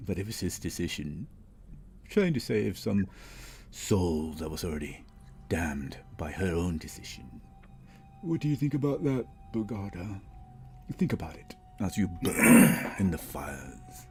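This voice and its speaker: A man's voice: low-pitched, expressive, darkish tone, soft background music. A man voicing a gloating devil in a tabletop game, drawing out his words with smug mockery. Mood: taunting. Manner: drawn-out, mocking, smug. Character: gloating, taunting male devil who relishes suffering.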